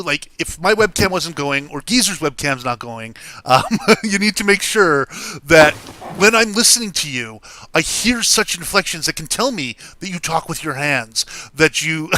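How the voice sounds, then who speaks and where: Bright, lively male host. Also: a little high, no echo. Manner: animated, emphatic, laughs easily. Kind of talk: casual panel chat.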